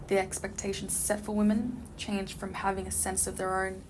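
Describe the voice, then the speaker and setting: Flat-voiced student woman reading a script. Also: mid-range voice, normal speed, a little hiss or hum. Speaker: student podcast presenter.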